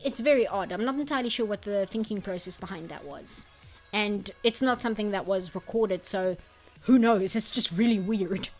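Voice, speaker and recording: A woman streamer in casual chat who rambles and reads out chat comments. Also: on the high side. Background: faint background music.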